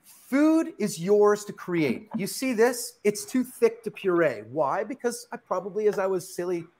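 A middle-aged man with a fairly high voice leads a live cooking demo, preachy and emphatic, firing off questions and answering them himself. He is recorded by a camera across a kitchen studio. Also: expressive, unhurried, a little mellow. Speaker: chef.

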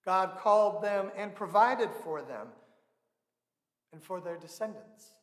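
A man in his thirties preaching a sermon from a church pulpit, measured and earnest, leaning on slow emphatic stresses. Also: high voice, expressive. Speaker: pastor. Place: large church sanctuary, indoors. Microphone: pulpit microphone. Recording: echoey church with long reverb.

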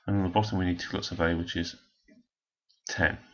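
Male maths teacher, hoarse and husky, low voice, explains step by step; dull lo-fi recording. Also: little pitch movement, fairly quick. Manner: step-by-step explaining, talking while working a calculator. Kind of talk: recorded maths lesson walkthrough.

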